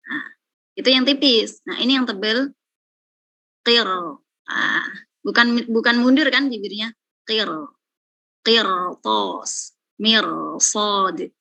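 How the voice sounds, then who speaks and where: A woman's voice: fairly high pitch, bright, forceful tone, rough recording. A woman teaching Quran recitation rules, patiently explaining and repeating each example word several times. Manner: slow, patient, repeats and drills pronunciations. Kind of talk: online lesson.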